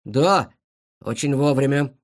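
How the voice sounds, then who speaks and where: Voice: medium pitch, slow pace, natural voice. A storybook reader voicing a serious, level-headed male dog who speaks cautiously.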